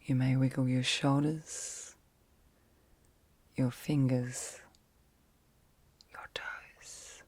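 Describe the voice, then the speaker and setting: A woman guides an ASMR sleep meditation in a soft, breathy voice, often whispering, in a rumbling low register. Her delivery is flat, gentle and soothing, with short phrases separated by long pauses. There's no echo.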